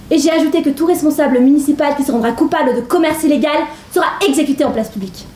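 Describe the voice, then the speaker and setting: A woman's voice: sits high, mellow, echoey room, a little hiss or hum, natural voice, low-quality recording. A woman playing a weary, devoted mother. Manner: tender, solemn storytelling. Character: weary devoted mother sending her daughter away. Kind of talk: live stage monologue.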